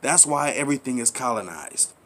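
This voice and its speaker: Speaking a little fast, this commentary channel host has a mid-range, slightly bright voice with lively intonation. His impassioned monologue rambles and preaches, circling back on itself as he fires off rhetorical questions and urges his audience on in casual slang.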